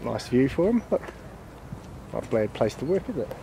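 Man, casual vlog narration, lively up-and-down voice, outdoors on the coast, loud background noise. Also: mid-range voice, normal speed, creaky. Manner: chatty, explaining things to his kids as he walks. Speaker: father filming a family outing.

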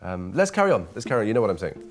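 A man giving a one-on-one music masterclass, animated and searching for words as he coaches, often restarting his phrases. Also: fairly low pitch, rapid-fire.

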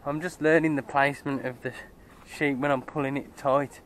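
Young British male truck driver, upbeat and chatty, recorded in the cab over clear road noise. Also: mid-range voice, fairly even intonation, normal speed. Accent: British English. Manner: chatty, upbeat commentary to viewers. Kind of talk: casual driving vlog. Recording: road and engine noise behind.

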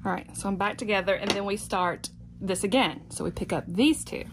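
A woman's voice: mid-range voice, a little fast. A middle-aged woman giving an informal step-by-step craft tutorial, thinking aloud as she works. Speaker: quilting instructor. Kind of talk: casual step-by-step tutorial narration. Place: indoor home sewing room. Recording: clearly noisy home sewing-room recording.

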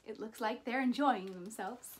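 A woman in her thirties reads a children's picture book aloud, animated and deliberate with dramatic emphasis. Her voice is a little high, and the reading is expressive.

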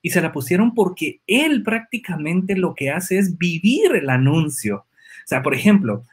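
A man tells a story on a video call in a relaxed, conversational way. His voice is husky and fairly high. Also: a little slow. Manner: anecdotal, storytelling. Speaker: participant.

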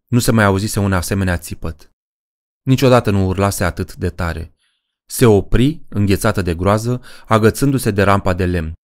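A man reading a horror story aloud as an audiobook narrator, in a measured, deliberate way. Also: fairly low pitch, no echo, clean studio sound.

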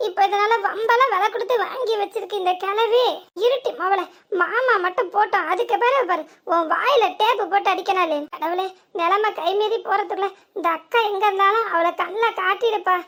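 A woman's voice: extremely high pitch, a little fast, a bit bright. A woman voicing a nervous young village daughter-in-law with a southern Tamil Nadu accent, muttering worried asides to herself. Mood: fretful.

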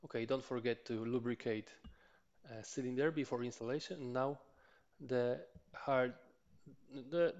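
A motorcycle mechanic channel host, a man in his thirties whose native language is Polish, gives a hands-on tutorial on rebuilding an engine from a cluttered home workshop. Speaking at medium pitch, he's slow and hesitant, often restarting and filling gaps with filler sounds.

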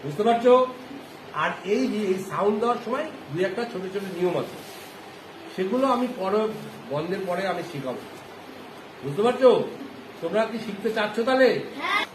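High-voiced male teacher in an echoey classroom. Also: animated. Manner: asks the class questions often and repeats answers slowly. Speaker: primary school teacher. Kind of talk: classroom phonics lesson. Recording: echoey classroom with background noise.

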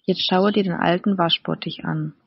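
A woman's voice: on the low side, steady tone, normal speed, vocal fry, slight background noise. A woman voicing a nagging, greedy fisherman's wife who scolds and demands, in a storybook reading. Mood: scolding. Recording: slightly dull, dry recording.

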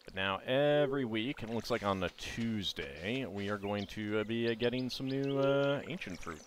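A man's voice: lowish voice, normal speed, noisy background. A man hosting a casual let's play, thinking aloud in short remarks as he goes. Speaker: gaming host. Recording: game music behind the voice.

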